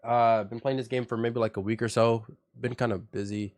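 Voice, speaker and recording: A man's voice: medium pitch, flat delivery, a little fast, darkish tone, no room sound, faint music behind. A man with a stuffy, congested voice, chatting casually on a live game stream, thanking viewers and rambling with lots of restarts. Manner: thanks viewers by name for subscriptions. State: congested from a cold.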